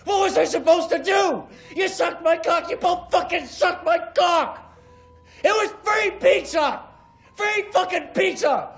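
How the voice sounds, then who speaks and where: A man's voice: extremely high pitch, unhurried, vocal fry, faint music behind, heavily acted. An actor in a film playing a frantic, betrayed family man who screams and swears in hysterical outrage. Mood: frantic, outraged. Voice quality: hysterical shouting, profane. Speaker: film character.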